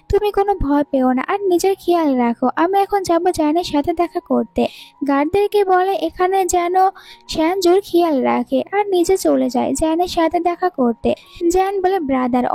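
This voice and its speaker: A woman's voice: very high voice, mellow, dry recording. A woman with a Bangladeshi Bengali accent narrating a drama recap and reading every character's lines in her own voice. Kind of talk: storytelling narration with quoted dialogue.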